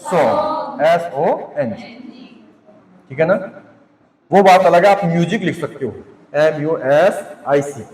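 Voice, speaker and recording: High-voiced man teaching in an echoey hall. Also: animated, takes it slowly, long pauses, a little mellow. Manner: asks students questions and answers them himself; spells out English words letter by letter. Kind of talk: classroom grammar lesson. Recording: echoey room with long reverb.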